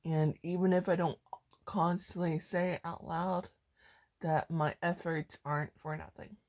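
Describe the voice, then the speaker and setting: A woman vlogging a casual toast, hyper and giggly at times, soft and heartfelt at others. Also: fairly low pitch, level tone, measured pace. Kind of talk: casual fan vlog toast.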